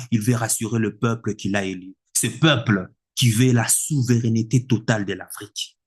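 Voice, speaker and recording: A man delivering an indignant political opinion monologue, emphatic and repetitive, with a husky voice. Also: medium pitch. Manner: indignant, emphatic, repeats words for effect. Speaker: political commentator.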